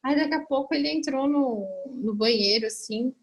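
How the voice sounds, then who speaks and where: A woman mentor in her thirties speaks with a fairly high voice over a video call. She recounts a personal story with feeling and acts out the dialogue as she goes. She breaks off and restarts her sentences when moved. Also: moderate pace, breathy edge, lo-fi sound. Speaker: group mentor.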